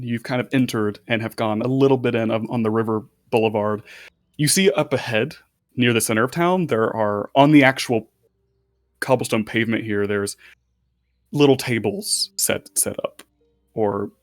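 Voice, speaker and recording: A man narrating as game master for a tabletop role-playing game, relaxed and rambling with fillers. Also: medium pitch.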